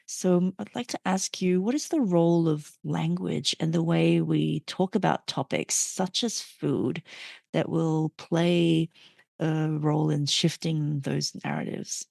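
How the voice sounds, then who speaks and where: A woman's voice: low voice, measured pace, gravelly, darkish tone, dry recording, clean studio sound. A woman from Malaysia hosting a podcast interview, asking questions with many hesitant restarts and fillers. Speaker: podcast host. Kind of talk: interview conversation.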